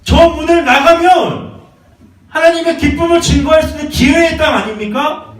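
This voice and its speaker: A male pastor giving a sermon, swinging between loud exhortation and quiet pleading. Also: very high-pitched, a little fast. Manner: impassioned, swings from shouting to hushed pleading. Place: church sanctuary. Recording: echoey church from far off.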